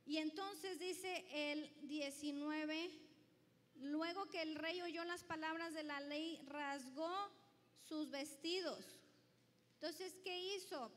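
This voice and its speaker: High-voiced woman preaching in a reverberant hall. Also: fairly bright tone. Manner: asks the congregation questions and reads scripture aloud. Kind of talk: sermon. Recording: long reverb of a large hall.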